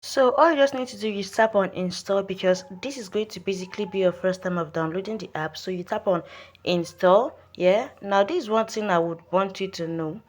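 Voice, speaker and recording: In a step-by-step app tutorial voice-over, a Nigerian woman who hosts online earning tutorials guides viewers through the app. Her mid-range voice moves a little fast, and she presses her warnings again and again.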